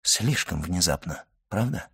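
A man reading aloud as a solemn, grim middle-aged physician who speaks in a measured, hushed way. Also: low-pitched, animated, breathy edge, pitched below the performer's own voice, heavily acted. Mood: grave. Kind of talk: audiobook reading.

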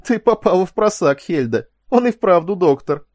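A man's voice: mid-range voice, fairly quick, dry recording, clean studio sound, close to an everyday voice. A man putting on a giddy drugged prisoner. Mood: giggly. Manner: giggling, loud and gleeful. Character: giggly drugged man, weak but cheeky.

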